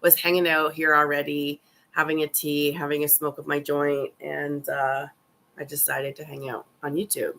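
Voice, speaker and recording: A woman with a raspy, hoarse voice from a cold, chatting casually and swearing on a live stream. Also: deep voice, little pitch movement, moderate pace, pushed and bright, slight background noise. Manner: chatty and profane, many fillers.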